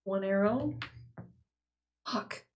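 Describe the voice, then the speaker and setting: A woman's voice: medium pitch, drawn-out words. A woman playing a tabletop game in casual chat, blunt and joking. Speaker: player.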